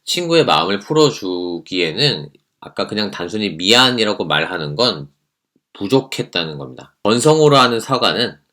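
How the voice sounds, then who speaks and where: A man teaching a lively lesson, playful and asking the viewer questions as he explains. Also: on the low side, normal speed. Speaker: teacher explaining how to apologize.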